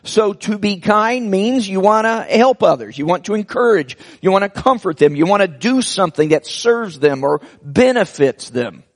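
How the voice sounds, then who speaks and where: A man preaching a sermon as a pastor, speaking slowly and deliberately with earnest pauses and soft drops in prayer. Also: high voice, lively intonation.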